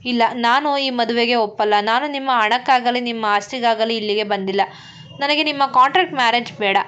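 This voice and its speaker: A woman's voice: fairly high pitch, brisk, fairly bright tone, clean tone, dull audio, lightly acted. A woman voicing a frightened young woman who cries out and pleads. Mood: defiant. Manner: crying out, pleading.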